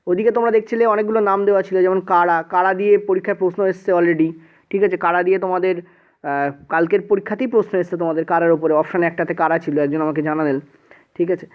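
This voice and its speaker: A man with a Bengali accent teaching an exam-prep science lesson, checking in with students again and again and mixing in English words. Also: high-pitched. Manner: repeats "ঠিক আছে" often, mixes English words in. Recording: tinny phone-like sound.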